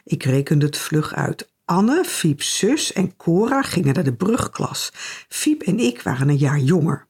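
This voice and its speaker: A woman reads a novel aloud in the first person, keeping her delivery dry, wry and understated. Her voice has a gravelly texture. A husky grain runs through it. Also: deep voice, sing-song, measured pace, darkish tone. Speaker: audiobook narrator. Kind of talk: first-person literary narration.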